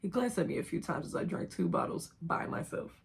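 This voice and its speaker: Embarrassed young woman reading aloud, creaky husky voice. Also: on the low side, very animated, brisk. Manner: playful, self-mocking. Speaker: reader of own old fan fiction. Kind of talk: casual reading aloud with running commentary.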